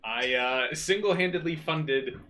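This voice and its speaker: A man's voice: medium pitch, measured pace, bright, forceful tone, a little hiss or hum. A man, a player in a tabletop game, chatting loosely about his character with plenty of fillers.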